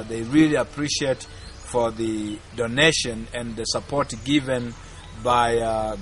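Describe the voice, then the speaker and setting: A man interpreting a speaker into English, halting with many filler pauses. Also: medium pitch, a bit bright, slight background noise.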